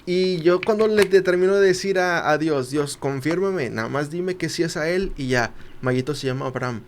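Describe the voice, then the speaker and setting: A young man, a podcast guest telling a personal story. He acts out the quoted voices and turns quiet at the emotional parts. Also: fairly high pitch, moderate pace. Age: young adult. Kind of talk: casual storytelling.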